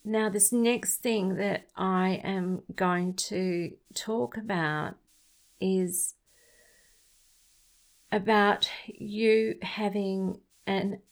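A woman's voice: medium pitch, gravelly, poor audio. A woman speaking earnestly and directly to her listener, giving heartfelt advice on breaking free from toxic relationships.

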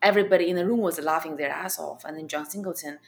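Telling her story haltingly, full of fillers and false starts, a young Chinese comedian speaks as an interview guest with a Chinese accent. Her voice is low-pitched and creaky.

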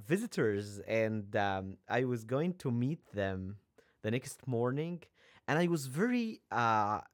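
A young man from Egypt, a native Arabic speaker with an Egyptian accent, chatting as a podcast guest in a hesitant way with frequent ums and restarts. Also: medium pitch. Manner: hesitant, many ums and restarts, laughs often. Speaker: seminary student guest. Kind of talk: casual interview chat.

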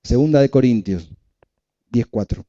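A man's voice: mid-range voice, measured pace, dark tone, lo-fi sound. A male pastor preaching a sermon, repeating key phrases and asking the congregation questions.

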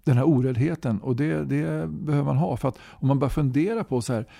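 Speaking casually in an interview, a musician and movement leader in his sixties has a mid-range, creaky, mellow voice. He chatters on, tagging sentences with a questioning "va?", and the studio-quality recording has no echo.

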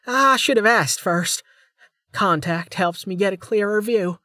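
A man voicing a nervous young woman police officer who reads truth, high and stammering. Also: a little slow, sharp tone, no echo, studio quality. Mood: startled.

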